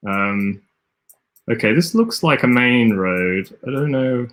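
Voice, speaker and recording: A man's voice: medium pitch, lively intonation, takes it slowly, fairly bright tone. An Australian man casually commentating a livestream while he plays, rambling and thinking aloud with frequent self-corrections. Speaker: game design streamer.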